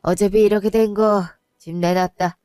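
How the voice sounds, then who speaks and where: A woman voicing a weary, indebted old father who speaks low, gentle and resigned in a one-voice audio drama. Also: fairly even intonation, moderate pace, clean tone, dry recording, clean studio sound, lightly acted. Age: older.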